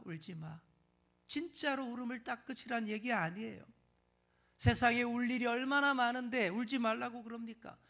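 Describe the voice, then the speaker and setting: A man with a high voice preaches a sermon as senior pastor. He speaks straight to the congregation and asks them questions. He drops to a whisper one moment and stresses words loudly the next. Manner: expressive preaching, swings from loud stresses to hushed whispers.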